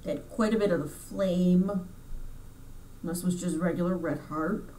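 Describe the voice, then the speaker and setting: A woman's voice: lowish voice, fairly even intonation, measured pace, warm tone, distant mic, a little hiss or hum, poor audio. A woman hosting her crochet channel in a chatty, rambling way, correcting herself as she goes, a bit congested from sinus trouble. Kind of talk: casual chat over store footage.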